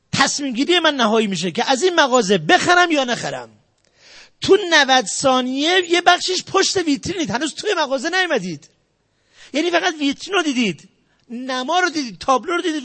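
Very high-voiced man giving an emphatic lecture. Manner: emphatic, repetitive, talks straight to the audience; swings between loud stresses and quiet asides. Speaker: sales lecturer. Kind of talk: motivational lecture.

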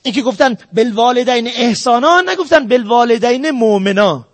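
A man's voice: extremely high pitch, expressive, no room sound. A man giving a religious talk on family ethics, earnestly exhorting his listeners and laying out his points one by one. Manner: earnest, exhorting the audience directly. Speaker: religious lecturer.

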